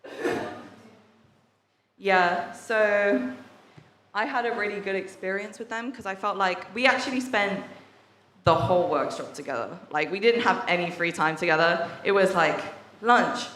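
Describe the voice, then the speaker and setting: A woman's voice: mid-range voice, a little slow, a bit bright, a little hiss or hum. A young woman from England giving a casual testimony at a church service, chatty and full of fillers, laughing often. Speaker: workshop participant sharing testimony. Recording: echoey hall sound.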